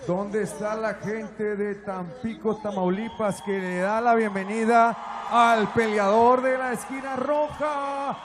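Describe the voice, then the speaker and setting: A man with a Mexican accent announcing fights like a lucha libre announcer, rattling off details and stretching names into dramatic shouts. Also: high-pitched, steady tone, a little slow. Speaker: ring announcer. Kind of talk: lucha libre style ring announcing in Spanish. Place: fight cage in an arena. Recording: echoey arena PA with crowd noise.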